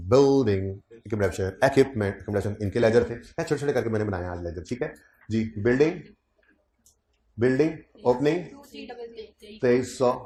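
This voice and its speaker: Male accounting lecturer, mid-pitch, quizzes the class with dry teasing asides. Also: darkish tone.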